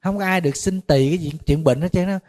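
A man, a Buddhist monk giving a conversational dharma talk, a little tired, animated when he tells stories. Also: on the high side, fast talker. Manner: conversational storytelling, animated when retelling shouting.

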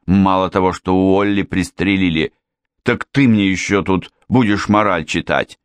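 A man voicing an irritable, blustering middle-aged father in an audiobook, speaking gruffly and snapping. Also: sits low, a little slow, no room sound. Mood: angry.

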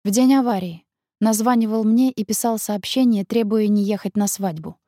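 A woman's voice: medium pitch, normal speed, mellow, no room sound, studio quality, lightly acted. A woman reading an audiobook, voicing a stubborn young man who threatens his rival. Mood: threatening. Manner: cold, threatening.

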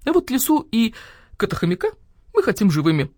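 A woman's voice: on the high side, very animated, fairly quick, darkish tone, no echo, studio quality, pitched above the performer's own voice. A woman voicing a menacing guard dog chief who growls his words.

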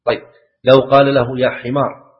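A man's voice: mid-range voice, level tone, a little fast. Male sheikh, lecture delivery, repeats points, rhetorical questions to the class, dull lo-fi recording. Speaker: sheikh teaching Islamic law. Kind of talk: classroom lecture explaining a text.

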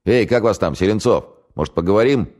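A man's voice: a bass voice, lively intonation, brisk, a little mellow, full character voice. A man voicing a sardonic commanding major. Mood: wry. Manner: barking orders, wry and scornful. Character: commanding, sardonic male senior security major.

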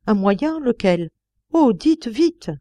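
A woman's voice: mid-range voice, animated, moderate pace, mellow, no room sound, close to an everyday voice. A woman voicing a proud, distraught young working-class mother in an audiobook, with pleading, tearful outbursts. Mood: defensive. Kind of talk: audiobook character reading.

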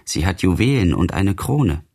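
A man voicing a gentle, confused young madman in an audiobook reading, wistful and childlike in manner. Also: low-pitched, big pitch swings, moderate pace, vocal fry, breathy edge, exaggerated voice. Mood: confiding.

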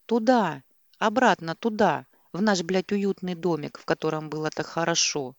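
A woman voicing a distraught young woman who pleads and shouts in agitation, in an audiobook. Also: fairly low pitch, moderate pace, no room sound, clean studio sound, natural voice. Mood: shouting.

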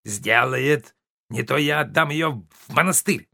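A man's voice: mid-range voice, creaky, sharp tone, no echo, studio quality, exaggerated voice. A man reading Argan, a blustering grumpy invalid father. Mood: stubborn. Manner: irritable, bossy, quick to bluster. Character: grumpy older male invalid, a domineering father. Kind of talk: play reading.

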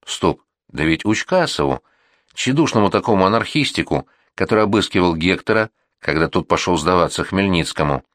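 A man narrating an audiobook in an expressive storytelling style. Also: sits low, fairly quick, dry recording, clean studio sound. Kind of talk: scripted narration.

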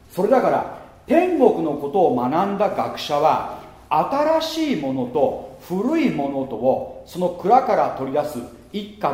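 A man preaching a sermon as pastor, lively and playful, slipping into muttered mocking asides. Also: sits high, roomy sound. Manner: lively, mutters mocking asides and laughs at his own jokes.

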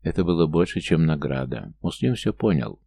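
Male audiobook narrator, deep gravelly voice, dark and even. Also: moderate pace. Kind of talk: scripted narration.

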